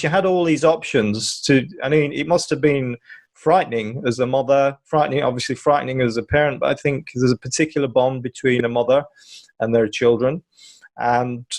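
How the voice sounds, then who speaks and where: Male host, affirming, stumbling phrasing, medium pitch. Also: no echo. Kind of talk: casual interview talk.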